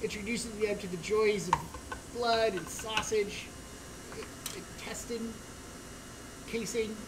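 Speaking slowly in a steady, natural medium-pitched voice, the woman co-hosting a cooking stream takes on the role of a jovial female orc butcher from a savage tribe. She banters playfully, relishes the gore, and keeps things hammy and cheerful. A far-off camera records the indoor studio kitchen set, and the room audio is noisy.

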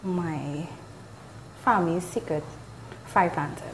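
A woman's voice: lowish voice, takes it slowly, slight background noise. A young Trinidadian woman giving casual interview answers as a contestant. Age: young adult. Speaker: cooking contestant. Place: TV studio. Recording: reverberant sound under loud music.

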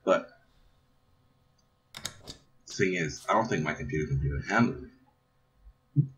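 Deep-voiced man rambling over gameplay. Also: measured pace. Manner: rambling, with many fillers and repeated words. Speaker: gaming video host. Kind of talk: casual let's play commentary. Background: laptop fan whirring.

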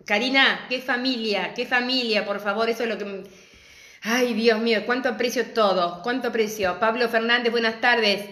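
A woman's voice: a little high, fairly even intonation, normal speed, a bit bright. A middle-aged woman with an Argentine accent, chatting affectionately and laughing often as she greets viewers of her live crafts class from home. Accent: Argentine Spanish. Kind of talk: casual live-stream chat. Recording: echoey room.

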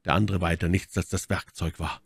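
An earnest young puritan officer, as a male reader puts him on speaks low and hushed, stammering as he goes. The voice sits deep. The recording is close and dry, with no room around it. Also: level tone, a little fast, creaky, husky, no room sound, heavily acted.

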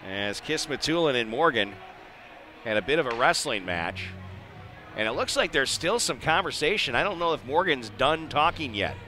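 In a live arena broadcast with clear background noise and soft music, an American man gives conversational ice hockey play-by-play in short, clipped bursts. His mid-range voice is animated, bright, and forceful at a moderate pace.

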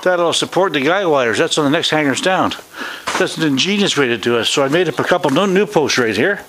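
Animated and fairly quick, this hobby pilot has a fairly high, fairly bright voice as he jokes his way through building his hangar doors outside. The middle-aged man's folksy narration is recorded on a handheld or head camera, with plenty of outdoor noise.

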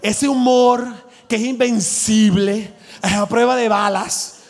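A Venezuelan man, a comedian and host, telling stand-up stories with animated, slangy delivery. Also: very high-pitched, takes it slowly, gravelly, big-room sound.

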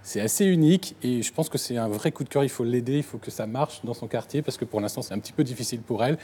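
Male columnist pitching a favorite spot, rapid and warm. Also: breathy edge. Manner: brisk, enthusiastic. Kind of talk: enthusiastic recommendation.

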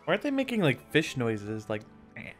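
A man streaming a game live, reacting loudly, swearing often and mocking himself as he plays. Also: medium pitch, brisk, soft background music. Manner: excitable, swears a lot, mocks himself. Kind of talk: live gameplay commentary.

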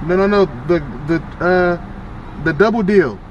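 Young guy at the drive-thru from his car, bit high voice, keeps tripping on the order, light traffic hum. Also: takes it slowly, dull audio. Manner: hesitant, stumbling over the menu. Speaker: food vlogger.

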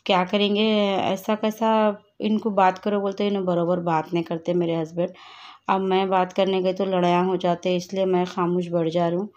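A woman talks casually to her vlog audience. She retells arguments with quoted lines, and her voice stays flat and even. The recording sounds a little dull and lo-fi. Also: fairly low pitch, moderate pace. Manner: worried, complaining tone. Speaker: family vlogger.

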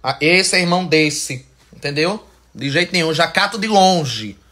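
Bright-voiced theatrical man. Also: a little high, animated, moderate pace. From Brazil. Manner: theatrical, emphatic, swears freely. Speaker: vlogger. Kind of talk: venting monologue to camera.

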